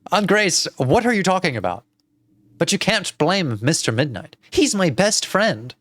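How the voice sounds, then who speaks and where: A frightened little girl from a dark video game, pleading and bewildered, voiced by a man in a raised, childlike pitch. Her words come out lifted and urgent, as if on the verge of tears. She sounds small and desperate for answers. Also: big pitch swings, a little slow, no echo, full character voice.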